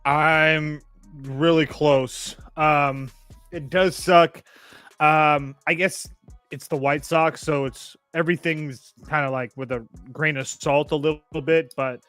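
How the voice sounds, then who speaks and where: A man co-hosts a sports betting talk show, breaking down picks in a rambling, hedging way and restarting his thoughts often. His voice sits a little high for a man and is recorded dry and close. Light music hums faintly behind him. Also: steady tone, takes it slowly, fairly bright tone, clear, resonant tone, dry recording. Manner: rambling, hedging with lots of "I mean" and "um". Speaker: co-host and betting analyst. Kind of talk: casual chat.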